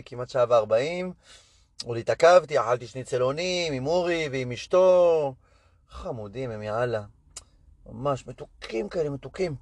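A man's voice: mid-range voice, no room sound, clean studio sound. A man talking casually as a comedian and host, telling stories about his gigs and acting out the people in them. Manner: animated, chatty, acts out dialogue in quoted voices. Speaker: stand-up comedian and podcast host. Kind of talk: casual storytelling monologue.

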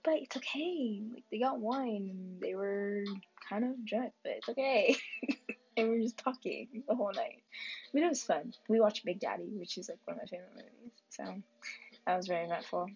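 A woman's voice: mid-range voice, moderate pace, darkish tone, muffled recording. A teenage girl casually recapping her weekend in a rambling vlog, full of likes and ums. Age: teens. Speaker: student vlogger.

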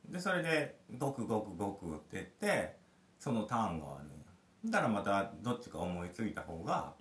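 A man's voice: fairly low pitch, very animated, fairly quick. A man who is a parent, telling a rambling story with many fillers in casual podcast chat. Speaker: podcast host. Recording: roomy echo.

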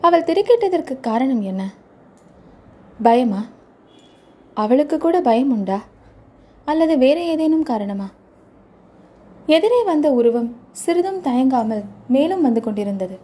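A woman's voice: high voice, mellow, husky. A woman narrating a historical novel as an audiobook, dramatic and storytelling, with rhetorical questions.

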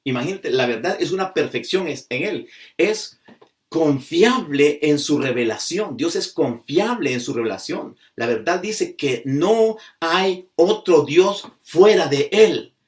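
Slow emphatic preacher guy, sermon style, mic kinda far off. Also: fairly high pitch, animated, darkish tone. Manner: slow, emphatic preaching, stretching key words. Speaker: pastor. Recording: voice from a distance off the mic.

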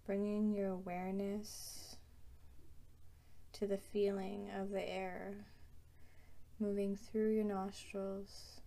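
A woman leads a guided meditation, speaking very slowly and softly. Her voice is warm and mellow, and she leaves long, calm pauses between phrases. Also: medium pitch, gravelly. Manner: slow, soft and soothing, with long pauses.

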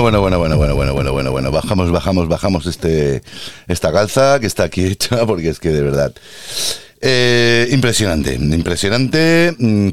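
A deep-voiced man with an Andalusian accent hosts a casual podcast monologue. He rants about his work as a healthcare worker in a sarcastic, playfully theatrical way.

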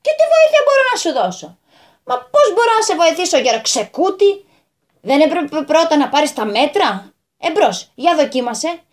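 A woman's voice: sits high, big pitch swings, a bit bright. A woman voicing a hot-tempered, bossy male landowner who talks in a flustered rush in a radio story. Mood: exasperated.

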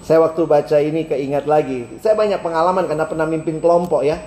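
A man preaching a sermon, acting out both sides of a phone conversation in a lively storytelling way and stretching single words for emphasis. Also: a little high. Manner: animated, acts out both sides of a phone call; emphatic, drawn-out words for stress. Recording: echoey hall with faint ambience.

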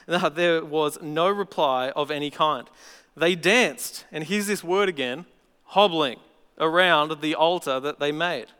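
A man's voice: fairly high pitch, a bit bright, clear, resonant tone, in a large hall. A man preaching a sermon as pastor, telling the story with playful asides. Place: church auditorium.

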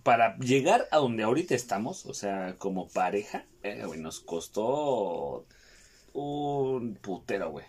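A man's voice: on the low side, very animated, unhurried, darkish tone, slightly rough. A man with a Mexican accent co-hosting a podcast, talking in crude slang-heavy banter with stumbling restarts. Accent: Mexican Spanish. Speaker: podcast co-host. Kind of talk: casual chat.

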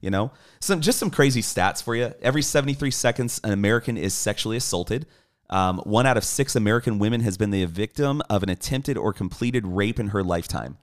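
A man's voice: on the low side, fairly quick. A man co-hosting a casual podcast discussion, speaking emphatically and repeating key points for weight. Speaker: podcast co-host.

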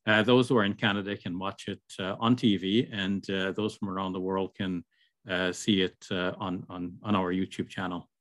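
A man's voice: sits low, level tone, normal speed, a bit bright, no room sound. An older man from Guyana speaking as an interview guest over a video call, hesitant and full of fillers. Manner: hesitant, many fillers and restarts. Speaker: guest, Islamic scholar.

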